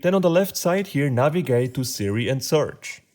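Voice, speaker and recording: A man's voice: mid-range voice, expressive, normal speed, darkish tone. A man with a heavy German accent, narrating a screen-recorded tech tutorial step by step in a friendly way.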